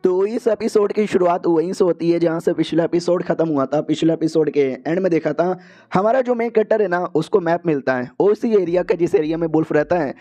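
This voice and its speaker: A man's voice: on the high side, brisk, mellow. Chatty man recapping a manga story. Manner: chatty, informal, laughing asides. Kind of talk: casual manga recap narration.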